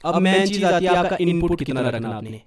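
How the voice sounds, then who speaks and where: A man teaching music production software step by step in a home studio, checking in with listeners as he goes. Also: sits high, expressive, fairly quick, a crowd in the background. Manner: explains step by step, often adding a checking "okay". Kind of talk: screen-recorded software tutorial. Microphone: studio condenser mic.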